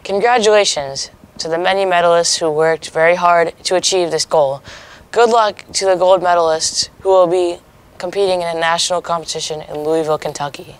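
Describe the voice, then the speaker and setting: A young student co-anchor reads a scripted mock newscast. The voice sits at a middle pitch, in news-reading style. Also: fairly even intonation, fairly quick, clear, resonant tone, poor audio.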